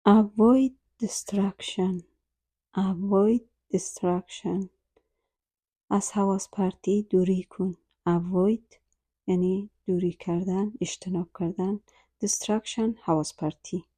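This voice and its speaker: A woman teaching English phrases, saying each phrase twice slowly and carefully, sometimes whispered, then translating briskly. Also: medium pitch, fairly even intonation, mellow, slightly rough, no echo. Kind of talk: language lesson, repeating phrases slowly then translating quickly.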